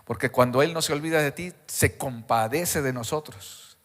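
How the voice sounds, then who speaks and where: A man's voice: mid-range voice, moderate pace, fairly bright tone. A man preaching an Easter Sunday sermon as pastor, speaking emphatically and putting questions to the congregation at a church service. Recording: long reverb of a church hall.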